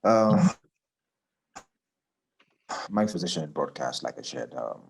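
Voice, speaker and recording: A man's voice: slow, creaky, slight background noise. A man working as a radio announcer, telling stories from his career in a casual interview, often repeating words as he starts. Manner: animated storyteller, acts out quoted voices higher and louder.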